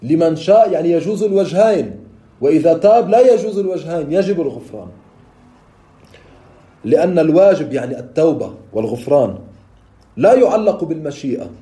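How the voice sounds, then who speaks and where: Guy giving a lecture, repeats himself a lot, stalls on long fillers, mellow low-toned voice, roomy echo. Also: animated. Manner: repeats points and pauses on drawn-out fillers. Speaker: teacher of theology. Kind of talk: explanatory lecture on a classical text.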